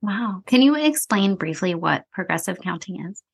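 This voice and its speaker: Husky, gravelly woman podcast host. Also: medium pitch, sing-song, moderate pace. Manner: warm, affirming interviewer. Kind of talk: interview.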